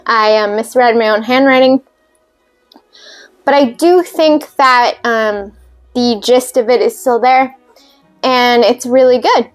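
Faint music accompanies a woman's fairly high voice as she slowly hosts a cocktail video, pausing often. She rambles casually with fillers while she mixes drinks, in a chatty, self-deprecating way.

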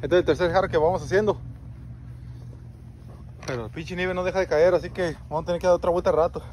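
A man's voice: sits high, fairly even intonation, quick pace, darkish tone. A man in his thirties with a Mexican accent, chatting casually as a vlogger in slangy, sweary Chicano-style street talk. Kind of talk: casual vlog chat. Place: truck cabin and snowy outdoors at night. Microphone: handheld phone at arm's length. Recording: noisy handheld, car and outdoor noise.

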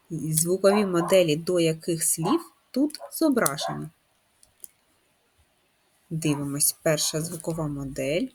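A woman teaching young children to write, patient and methodical, walking them through each step and pausing to ask questions. Her voice sits fairly low and has a soft, husky edge. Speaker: primary school teacher. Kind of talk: first-grade writing lesson.

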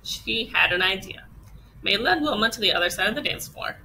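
Bright-voiced teacher reading aloud. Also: female voice, mid-range voice, animated, fairly quick, a little hiss or hum, poor audio. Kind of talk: children's storybook read-aloud.

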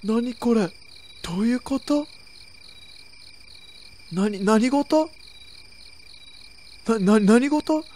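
A young woman streamer chatting excitedly through a horror game, with sudden shrieks. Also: fairly high pitch, extremely slow, long pauses, a little hiss or hum. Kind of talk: let's play commentary.

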